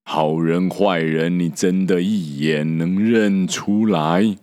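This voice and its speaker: Old monk, a man reading him, deep and slow, lecturing. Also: steady tone, darkish tone, long reverb tail. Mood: reproachful. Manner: measured, reproachful lecturing. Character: gentle, stubborn old male monk, scolding. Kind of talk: storybook character voice.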